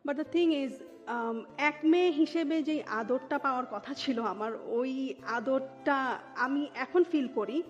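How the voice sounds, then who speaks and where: In a high voice and at a slow pace, a woman in her thirties from Dhaka, Bangladesh, talks about her own life as an interview guest. English words turn up throughout her Bengali. The audio is muffled and dull, layered over music.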